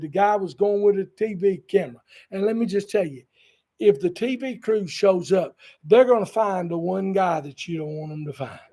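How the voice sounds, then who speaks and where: A man's voice: high voice, warm tone. A man preaching a sermon, telling folksy stories with humorous asides. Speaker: pastor. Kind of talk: sermon with storytelling.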